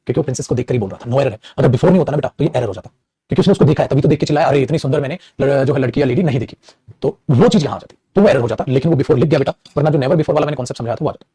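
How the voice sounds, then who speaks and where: Fast-talking male grammar teacher. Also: mid-range voice, warm tone, husky, no echo. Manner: calls students "beta", reads sentences slowly. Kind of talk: exam error-spotting lesson.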